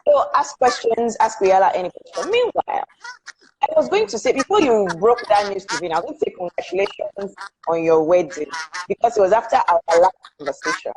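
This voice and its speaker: A woman's voice: mid-range voice, very animated, a little mellow, rough recording. Chatty Nigerian woman hosting a live chat. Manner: chatty, reads out viewer names slowly. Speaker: host. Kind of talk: casual live-stream interview. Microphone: video call.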